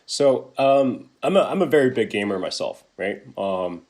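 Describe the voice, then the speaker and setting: A man's voice: medium pitch, lively intonation, normal speed, a little mellow. A young man, a business development manager, answering interview questions casually over a video call, with plenty of fillers and restarts. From Taiwan. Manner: chatty, many fillers and restarts. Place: remote video call, at home.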